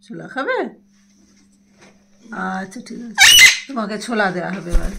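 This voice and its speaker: A woman's voice: mid-range voice, wildly swooping pitch, moderate pace, vocal fry, heavy background noise. A woman talking casually at home to her pet parrot, coaxing and scolding in a sing-song baby-talk manner. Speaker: parrot owner.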